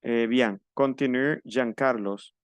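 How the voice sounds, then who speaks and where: A man leads a French class over a video call and patiently slows down to model each word. His voice is smooth and resonant, with a dry, close sound. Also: medium pitch, dry recording. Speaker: French teacher. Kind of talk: online class instruction.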